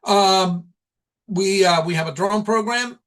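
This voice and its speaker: During an informal slide presentation at a meeting, a college program instructor stumbles along, restarting and repeating phrases. He speaks with a high voice that's a bit bright.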